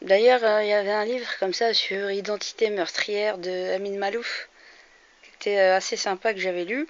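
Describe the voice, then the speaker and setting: A French woman in her forties, a vlogger, speaks to camera with a medium-pitched, steady voice at a moderate pace. Her earnest opinion monologue turns heated and emphatic, with frequent hesitations, on a slightly dull lo-fi recording.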